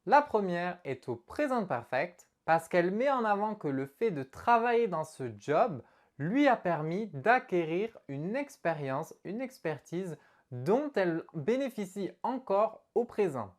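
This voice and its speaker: In this online English lesson, the female teacher explains to viewers with lively expressiveness. Her voice is on the low side, and she speaks a bit slowly.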